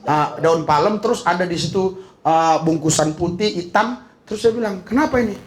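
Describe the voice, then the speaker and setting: A man's voice: high-pitched, normal speed. A middle-aged man preaching a humorous sermon as a pastor, joking and laughing as he goes. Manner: joking, laughing, mixing in slang. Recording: echoey hall.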